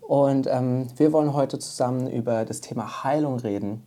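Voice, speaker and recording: A woman hosts a church interview, responding warmly to her guest with lots of short approving remarks. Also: rumbling low, moderate pace. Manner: affirming, many wows. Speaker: host.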